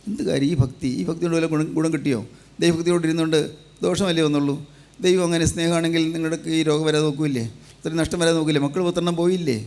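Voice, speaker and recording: A woman's voice: low voice, fairly even intonation, a little mellow, natural voice. A man preacher voicing a bitter, scornful wife in a sermon retelling, firing off nagging questions. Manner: nagging, rapid-fire questions.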